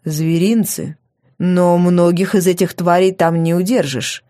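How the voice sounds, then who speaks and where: A woman's voice: lowish voice, fairly even intonation, measured pace, mellow, natural voice. Woman voicing a curt, aloof nobleman. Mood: dry. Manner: dry, methodical, clipped replies. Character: terse, aloof grown man of noble house.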